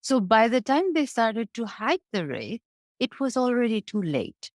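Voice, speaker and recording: A woman's voice: on the high side, big pitch swings, measured pace, no echo, clean studio sound. A woman from Bangladesh, a guest analyst explaining the economy in a conversational interview, often checking in with "right?". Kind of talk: interview answers on markets.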